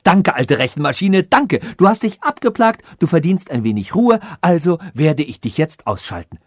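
A fretful, excitable robot king from a storybook fairy tale, as a man reads him, fussing anxiously to his machine. The voice is slightly raised and dry, close to the mic. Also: fairly high pitch, normal speed, no echo, voice pushed up. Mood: relieved.

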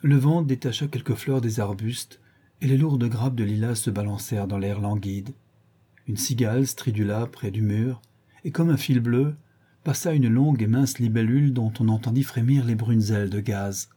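A man narrating a novel in a calm, measured way. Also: medium pitch, breathy edge. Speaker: audiobook narrator.

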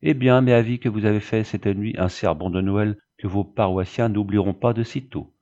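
A man voicing a simple, devout peasant woman who speaks humbly and warmly of thanks. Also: fairly low pitch, steady tone, normal speed, lo-fi sound, close to an everyday voice. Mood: grateful.

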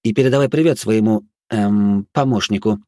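A man's voice: on the low side, normal speed, mellow, no echo, clean studio sound, natural voice. A man voicing a supportive young woman in an audiobook. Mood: encouraging. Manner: encouraging.

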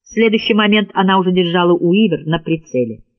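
A man's voice: high voice, quick pace, muffled recording. Man narrating a tense audiobook. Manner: tense, dramatic reading. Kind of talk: scripted narration.

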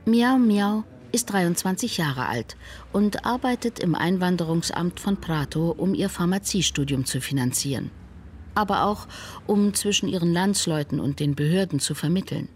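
Low-voiced woman reporter narrating. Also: expressive, normal speed, a little hiss or hum. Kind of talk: scripted radio narration.

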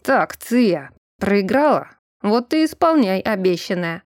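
A woman's voice: medium pitch, big pitch swings, takes it slowly, no echo, clean studio sound. A woman voicing a sly, sarcastic male fox deity who drawls and grumbles mockingly in an audiobook. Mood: grumbling. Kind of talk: audiobook character voice.

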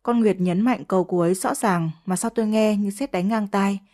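A woman reading a first-person story aloud in a steady, measured way. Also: mid-range voice. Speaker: audiobook narrator.

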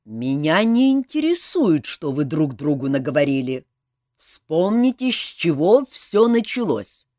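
A woman's voice: sits low, big pitch swings, unhurried, mellow, no room sound, clean studio sound. A woman voicing a stern male army colonel who barks orders, in an audiobook reading. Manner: gruff, commanding.

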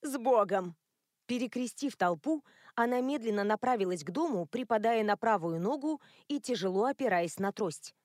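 A woman's voice: a little high, animated, normal speed, darkish tone, dry recording. Woman narrating an audiobook in a dry, close recording. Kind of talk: scripted narration.

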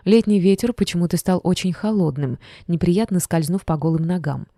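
Woman narrating an audiobook, dark-toned. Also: lowish voice, a little fast, no room sound, clean studio sound. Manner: expressive storytelling. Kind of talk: first-person audiobook narration.

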